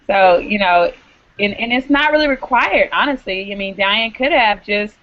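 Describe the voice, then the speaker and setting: Her medium-pitched, animated voice carries a live online video hangout that she hosts with upbeat encouragement and quick asides in casual conversation. The sound comes through a video-call microphone and is dull and lo-fi.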